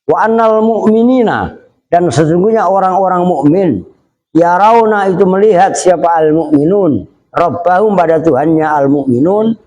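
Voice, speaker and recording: A man's voice: high voice, normal speed, mellow. A middle-aged man from Indonesia, a kyai at a pesantren who translates Arabic phrases line by line. He teases his students and jokes with them between the translations. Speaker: kyai teaching a kitab at a pesantren. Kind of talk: kitab study lesson, translating Arabic line by line.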